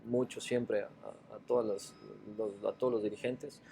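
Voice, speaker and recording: A man's voice: lowish voice, fairly even intonation, normal speed, gravelly, dark tone, a little hiss or hum. A man from Ecuador with an Ecuadorian accent, a former footballer answering interview questions hesitantly, with many fillers and repeated words. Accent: Ecuadorian Spanish.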